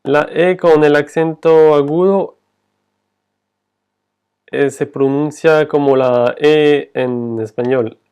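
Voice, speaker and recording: Slow, clear-voiced man teaching French. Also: a little high, steady tone, darkish tone. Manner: repeats words slowly and carefully. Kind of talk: slow, patient language lesson.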